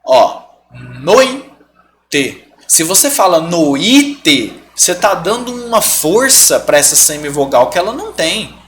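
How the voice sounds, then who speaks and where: A man's voice: high-pitched, big pitch swings, normal speed, hardly any pauses, slight background noise. A Brazilian man teaching a live online grammar lesson, explaining step by step, stretching out example words and often checking in with his students. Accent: Brazilian Portuguese.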